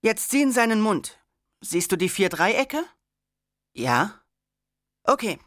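An excited young schoolgirl , as the audiobook reader puts her on pipes up to show her friends a paper puppet. Her voice sits higher than the narration and bubbles with eagerness. The recording is dry and close, with no room sound. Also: slow, no echo. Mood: eager.

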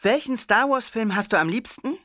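An audiobook reader voicing an eager schoolgirl who explains a paper fortune-teller puppet in a raised, bright tone. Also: mid-range voice, normal speed, no room sound, clean studio sound, voice pushed up, close to an everyday voice.

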